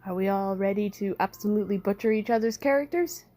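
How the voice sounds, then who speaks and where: A woman's voice: medium pitch, fast talker, warm tone. Woman tabletop player, casual, teasing, mid-range voice. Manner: teasing and encouraging. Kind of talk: casual chat.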